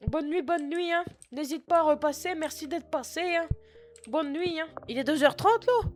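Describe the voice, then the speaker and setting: A man puts on a scatterbrained sixty-year-old shop clerk who swears freely and sniffles between rambling sentences. The voice sits high, with a put-on Picard and Norman patois accent. It is flustered and self-mocking, spoken into a computer mic at home. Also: moderate pace, faint music behind. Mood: winding down. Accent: put-on Picard and Norman patois mix. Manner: chatty, flustered, self-mocking asides to chat. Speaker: streamer doing roleplay. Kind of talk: live-streamed game roleplay.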